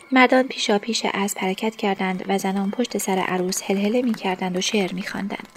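Woman narrator, first-person audiobook, soft and hushed. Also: mid-range voice, slight background noise.

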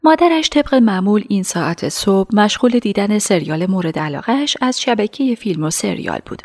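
A woman narrating a radio drama in a measured, hushed storytelling voice. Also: medium pitch, lively intonation.

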